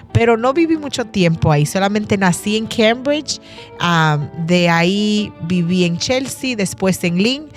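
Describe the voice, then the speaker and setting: A young woman from Massachusetts giving an interview, speaking thoughtfully with many fillers and restarts. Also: fairly low pitch. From Massachusetts, USA. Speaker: guest. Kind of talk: conversational interview.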